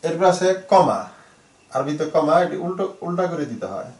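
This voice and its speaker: A man teaching Arabic grammar in Bengali, explaining slowly with many fillers and repeated words. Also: a little high, very animated, a little mellow, echoey room.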